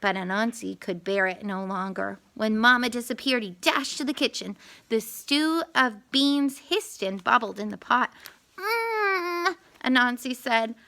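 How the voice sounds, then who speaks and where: A woman reading a children's storybook aloud, expressive, with little asides and corrections. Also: on the high side, normal speed, creaky.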